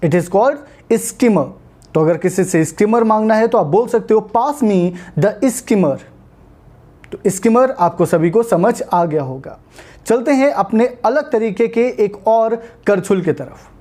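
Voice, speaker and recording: A woman with an Indian accent teaches a spoken English lesson. Her voice is warm and mellow at a middling pitch. She explains patiently and slows down to spell out each word. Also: lively intonation.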